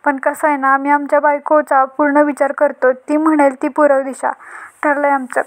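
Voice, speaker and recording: A slick young son-in-law who flatters and reassures, read out by a woman. The voice is high and flat. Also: normal speed, close to an everyday voice. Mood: flattering. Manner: polite, flattering.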